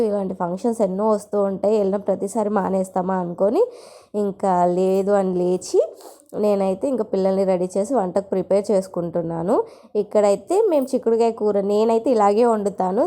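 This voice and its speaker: A woman talks through her morning routine in a chatty, running-commentary way. Her voice has a mellow, darker tone at a middle pitch, relaxed and conversational. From India. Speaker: vlogger and mother. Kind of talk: casual home vlog narration.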